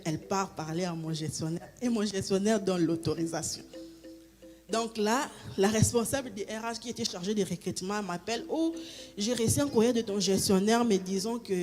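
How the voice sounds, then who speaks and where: A woman's voice: medium pitch, darkish tone. A woman, giving a spoken testimony with hesitant restarts and a raised voice when she acts out dialogue. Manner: hesitant, repeats words and restarts often. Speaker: church member giving a testimony.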